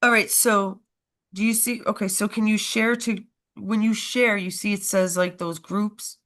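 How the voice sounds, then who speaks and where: Co-hosting a laid-back political livestream while stuffed up with a cold, a woman speaks at a measured pace in a steady, medium-pitched, fairly bright voice. She tends to ramble, breaks off partway through sentences, and laughs a lot.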